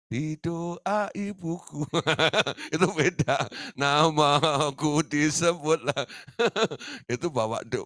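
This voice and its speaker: A male pastor preaches with a bright, animated voice that jumps between high and low. He chuckles often and acts out people's reactions. The sound is dry and close. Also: no echo. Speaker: pastor teaching a discipleship class. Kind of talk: sermon.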